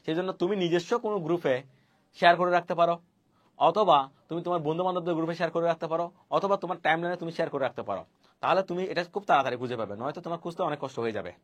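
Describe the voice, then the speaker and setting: The recording is dry as a man with a slightly high voice delivers rapid-fire instruction. His fast online lesson covers pronunciation rules, with each point repeated and his students quizzed.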